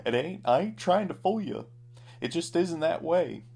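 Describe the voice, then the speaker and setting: A small clown outlaw from a storybook Western, pitched far up and pushed loud. The clown is folksy and sputtering, pleading innocence with a sly streak underneath. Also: male voice, lively intonation, normal speed, creaky, husky, heavily acted. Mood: tearful, pleading. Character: short, tearful, sly birthday clown outlaw of the West.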